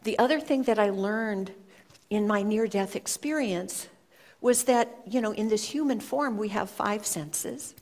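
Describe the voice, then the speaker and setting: A woman giving a reflective storytelling talk to an audience, speaking in an earnest, measured way with pauses. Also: mid-range voice, darkish tone. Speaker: speaker sharing a personal story.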